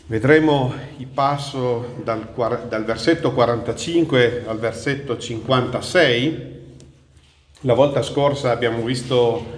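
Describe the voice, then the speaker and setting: A man's voice: mid-range voice, a little hiss or hum. A male pastor giving a sermon, reading scripture aloud and then preaching with restarts and asides. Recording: echoey hall.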